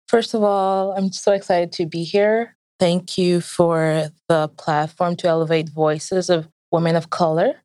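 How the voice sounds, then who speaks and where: A woman's voice: fairly low pitch, steady tone, a little slow, few pauses, darkish tone, no echo. A young woman born in Nigeria, a university student, answering interview questions in an earnest, reflective way. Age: young adult. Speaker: student guest.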